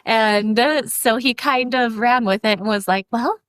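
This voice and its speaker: A woman's voice: on the high side, unhurried, fairly bright tone, clear, resonant tone, no room sound. A woman in her forties, a podcast guest, telling a story in a chatty way and acting out what people said. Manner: chatty, laughs often, acts out quoted talk. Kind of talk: casual storytelling.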